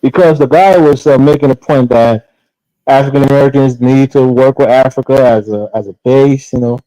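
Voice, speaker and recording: Male caller, muffled as if through a wall, bad phone mic, dark and dry sound, insistent in a debate. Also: medium pitch, normal speed, dry recording. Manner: insistent, keeps pressing to finish his point. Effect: muffled, as if heard through a wall. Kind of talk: heated call-in debate. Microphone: phone on a call-in line.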